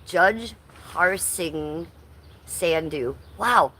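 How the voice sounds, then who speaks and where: On the low side yet pushed and bright, her voice has lively intonation but moves extremely slowly. She's a woman in her fifties casually livestreaming from her front yard, playfully naming viewers as roofers work faintly nearby.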